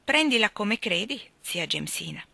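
A woman reading the part of a matronly older aunt who speaks in a lower, reproving tone. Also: sing-song, moderate pace, gravelly, bright, forceful tone, dry recording, heavily acted.

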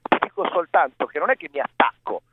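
Man on car speakerphone, tinny phone line, loud hiss, insistent aggrieved caller. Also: on the high side, big pitch swings, fast. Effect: car speakerphone over a phone line. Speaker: radio caller. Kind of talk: phone-in sports argument. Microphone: car hands-free speakerphone.

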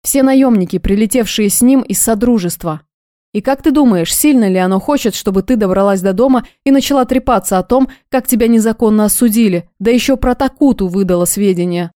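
Woman reading a calm, persuasive male mutant, mellow tone, dry close sound, audiobook. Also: mid-range voice, fairly quick, no echo, lightly acted. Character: calm male mutant wearing a man's face.

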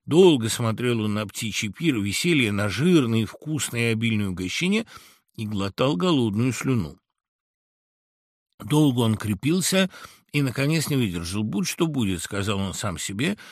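A man narrating a fairy-tale audiobook in a recording studio as an expressive storyteller. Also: medium pitch, no room sound.

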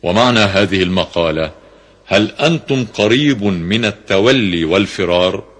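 A man reading a classical scripture commentary in a formal, measured way, slowing down for quoted verses, on a radio broadcast recording. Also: sits low, animated, fairly bright tone, husky. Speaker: reader of Quran commentary.

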